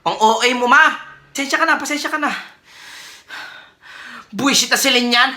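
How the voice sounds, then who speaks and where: A woman performing comedy sketches, switching between characters and often shouting and laughing. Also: sits high, normal speed. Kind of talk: one-person comedy skits, playing every role.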